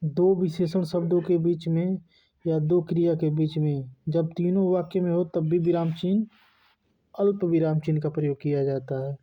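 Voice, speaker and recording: A man's voice: on the high side, steady tone, moderate pace. A man teaching a lesson, asking questions and answering them himself. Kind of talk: classroom lesson. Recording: dull lo-fi recording.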